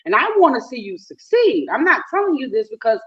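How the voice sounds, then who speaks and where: A woman's voice: on the high side, sing-song, fairly quick, fairly bright tone, husky. An American woman telling personal work stories in a casual discussion, recorded with dull, lo-fi sound. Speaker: panel discussion participant. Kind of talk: casual anecdotal chat.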